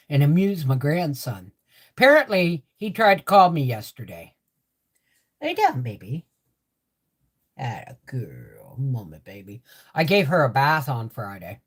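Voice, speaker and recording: An older woman with a lowish voice runs a casual livestream chat while her mouth is swollen and sore from dental work. She rambles conversationally and repeats phrases for emphasis, and the swelling slightly muffles her words.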